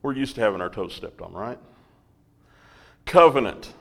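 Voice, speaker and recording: A man's voice: fairly low pitch, very animated, vocal fry, long reverb tail. A man teaching a Bible lesson, checking in with the class by asking "right?" and "okay?". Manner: slow, with frequent "right?" and "okay?" check-ins.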